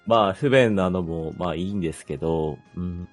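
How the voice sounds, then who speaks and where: A man's voice: low-pitched, normal speed, soft background music. A man chatting casually about his own life as a panelist, polite and a little hesitant, thinking aloud. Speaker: panelist on a hobby talk show.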